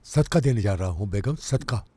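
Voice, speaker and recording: A man's voice: on the low side, expressive, moderate pace, dark tone, husky, dry recording. An actor dubbing an evasive husband who curtly brushes off his wife to go out at night. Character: secretive husband and father slipping out at night. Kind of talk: dubbed film acting.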